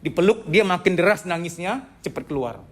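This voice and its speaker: Male trainer, slightly high voice, lively lecturer who acts out quotes and jokes. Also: a little fast. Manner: animated, acts out quoted speech; joking asides. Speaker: psychology trainer.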